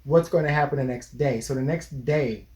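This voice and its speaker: A man's voice: mid-range voice, moderate pace, darkish tone. A young man, a therapist, earnestly giving relationship advice in casual chat, sometimes restarting his sentences. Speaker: therapist co-host.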